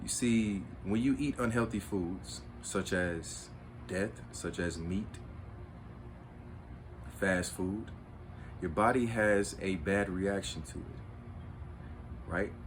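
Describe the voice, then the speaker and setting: A man's voice: low-pitched, takes it slowly, pauses often, a little hiss or hum. A man hosting his own spiritual video, lecturing in an earnest, repetitive, preachy way. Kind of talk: monologue to camera.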